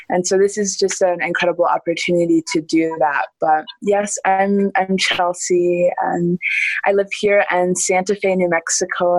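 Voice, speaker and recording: A woman in her early twenties, a young adult guest in a casual conversational interview, speaks earnestly and enthusiastically, laughing often and restarting her sentences. Her voice is fairly low-pitched, with no room sound, and the audio is poor.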